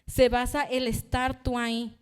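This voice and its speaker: A woman's voice: a little high, flat delivery, unhurried, clean tone. A young woman preaching a sermon in church, telling a personal story and acting out the voices she quotes. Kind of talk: youth sermon.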